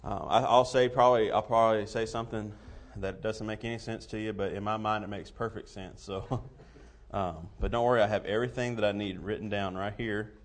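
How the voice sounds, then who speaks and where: A man with an Appalachian hillbilly accent preaching to a congregation in a folksy, halting, self-deprecating way. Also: fairly low pitch, fairly even intonation. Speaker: visiting missionary preacher. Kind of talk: sermon, folksy address to a congregation.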